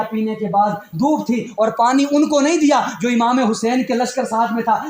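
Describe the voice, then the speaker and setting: A man preaching, telling a religious story with passion and rising to shouted emphasis. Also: very high-pitched. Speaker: Quran reciter and preacher. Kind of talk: emotional religious storytelling sermon. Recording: roomy echoey sound.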